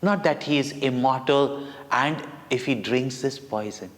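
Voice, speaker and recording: A slow-speaking Indian man of medium pitch tells a devotional story for children, his voice carrying a long echo in a reverberant hall. He speaks deliberately and dramatically, pausing briefly between phrases.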